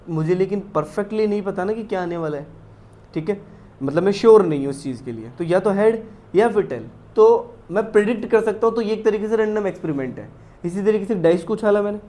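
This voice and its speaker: High-voiced Indian maths teacher. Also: male voice, warm tone. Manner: explains step by step, checks in with "clear hai"; reads English definitions slowly, then explains them in Hindi. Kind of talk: classroom lecture mixing Hindi and English.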